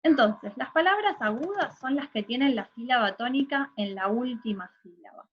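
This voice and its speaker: A woman's voice: on the high side, lively intonation, moderate pace, dull audio, a little hiss or hum. A woman teacher, giving a recorded online lesson, patiently explaining and checking understanding with little tag questions.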